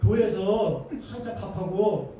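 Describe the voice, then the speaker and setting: A male pastor preaching an animated, emphatic sermon with colloquial humor in a church. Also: high voice, a little slow. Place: church sanctuary. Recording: echoey hall, distant mic, faint noise.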